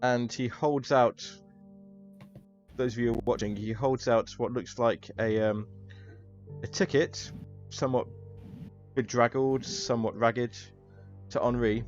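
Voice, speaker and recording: A man's voice: medium pitch, fairly even intonation, a little slow, pauses often. Male game master, slightly dull sound. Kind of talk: narrating a tabletop role-playing game. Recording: dull recording with background music.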